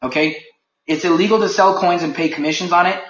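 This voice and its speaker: A man's voice: high voice, steady tone, brisk, a bit bright. Firm, emphatic man on a webinar. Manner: firm and emphatic, lightly heated. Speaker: company leader presenting a webinar. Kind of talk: webinar briefing. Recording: echoey, dull lo-fi webinar audio.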